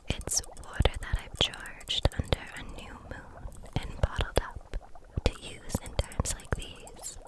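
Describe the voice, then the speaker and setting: In this ASMR roleplay, a woman takes on the part of a kind, gentle kitchen witch, whispering in a calm, soothing way and never rushing.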